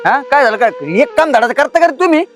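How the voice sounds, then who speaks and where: A man playing a harsh grown son who scolds and shouts at his old father in a family drama. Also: very high voice, fast talker, faint music behind. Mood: angry scolding. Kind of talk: village family drama acting.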